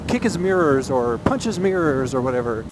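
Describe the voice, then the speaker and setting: Riding along with a helmet microphone, a man from Texas delivers a casual opinion monologue, earnest and full of repeated phrases for emphasis. His voice sits a little high and is very animated at a moderate pace, over heavy wind and engine roar.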